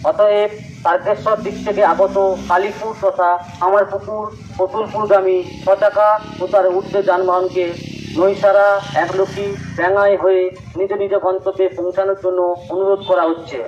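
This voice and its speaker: A man reading a formal police safety announcement through a loudspeaker, in a measured, repetitive delivery. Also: high voice, level tone. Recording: muffled loudspeaker recording, faint noise.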